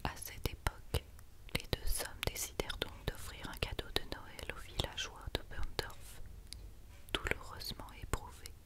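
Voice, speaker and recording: A woman reads a Christmas story as ASMR in a breathy, unvoiced whisper, hushed and quiet as if at night. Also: unhurried. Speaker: ASMR reader.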